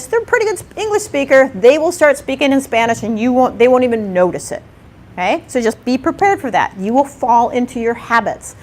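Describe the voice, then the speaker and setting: A woman with a slightly high voice presents at a live workshop. She talks in a loose, conversational way, acts out little quoted exchanges and keeps checking in with her listeners by asking "okay?" and "right?". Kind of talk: live conference talk. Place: lecture room at a workshop.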